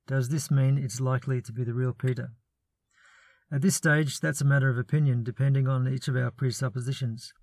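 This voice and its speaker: A biblical studies presenter with a mid-range, darkish voice delivers a measured, scripted talk on biblical scholarship. He reasons step by step with a lightly wry edge, recorded close up in a dry, dead room with no echo.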